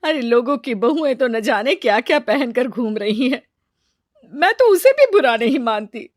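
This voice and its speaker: A woman voicing a patient, kindly middle-aged mother-in-law in a cartoon story, speaking calmly. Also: mid-range voice, measured pace, no echo, studio quality. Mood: gentle. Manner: calm, kindly, reassuring.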